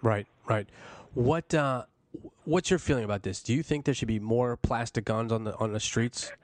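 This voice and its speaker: A man's voice: medium pitch, moderate pace, dry recording. A man hosting a casual talk show, who asks questions and tosses in playful, joking hypotheticals. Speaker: host.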